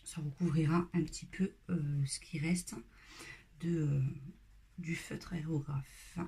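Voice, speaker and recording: A woman's voice: low-pitched, slow pace, husky. Casual French woman explaining a coloring tutorial. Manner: casual, relaxed explaining with fillers, sometimes drops to a whisper.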